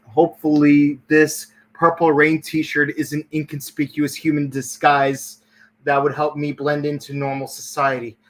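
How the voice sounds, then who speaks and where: A man on a fan podcast acting out a male armored villain awkwardly pretending to be a normal human, talking loud and stiff. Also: on the high side, lightly acted.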